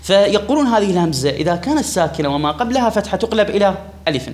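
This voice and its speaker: A man gives a classroom grammar lesson at a brisk clip, his voice sitting a little high. He stresses key words and quizzes the students as he explains. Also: very animated, darkish tone. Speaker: Arabic grammar teacher.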